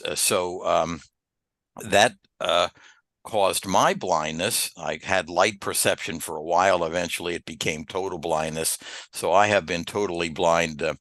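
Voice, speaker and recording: A man in his seventies from the Philadelphia area, telling his life story as a podcast guest at an unhurried pace with many "uh" pauses. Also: deep voice, a bit bright, no echo. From Philadelphia area, USA. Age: 70s. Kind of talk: relaxed interview storytelling.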